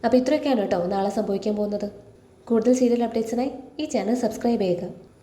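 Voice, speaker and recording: A woman's voice: a little high, quick pace, warm tone. A woman narrating a TV serial recap in a chatty, friendly storytelling manner. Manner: chatty, with friendly tag questions. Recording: echoey room.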